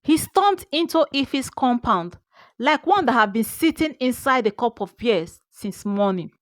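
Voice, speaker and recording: A Nigerian storyteller narrates a folktale in the first person with theatrical expression. She takes her time, and her pitch is very lively. The recording is dry and close, with no echo.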